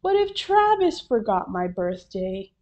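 A woman voicing an excitable young boy frog in a storybook, with eager, loud exclamations. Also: mid-range voice, unhurried, highs cut off. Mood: worried.

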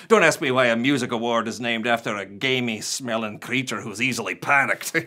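A man's voice: medium pitch, normal speed, bright, forceful tone, lightly acted. A man doing a boastful Scottish rapper puppet. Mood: goofy. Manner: goofy, bouncy, exaggerated. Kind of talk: kids' puppet comedy skit.

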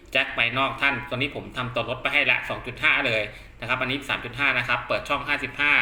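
This radio gear channel host tests a product hands-on, talking casually in a fairly high voice with a bright, forceful tone. His step-by-step explanations are instructional and reassuring, captured in a room with noticeable echo.

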